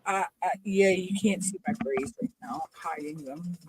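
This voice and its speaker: A woman's voice: fairly low pitch, normal speed, a little mellow, a little hiss or hum, low-quality recording. A woman chatting casually as the host of a livestream. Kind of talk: casual chat.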